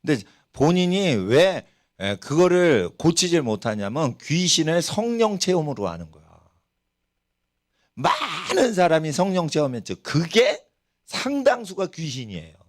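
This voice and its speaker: A man's voice: fairly high pitch, a little slow. A middle-aged man, a pastor, preaching a sermon in church, telling stories and putting questions to the congregation. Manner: animated storytelling preacher, rhetorical questions to the congregation. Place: church sanctuary.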